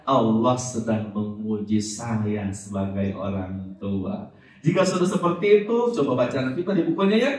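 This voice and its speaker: A man preaching a religious study talk to an audience, lively and acting out parents' voices, sometimes reciting Arabic verses slowly. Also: medium pitch. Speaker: Islamic preacher. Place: large hall before an audience. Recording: echoey hall, voice from far off.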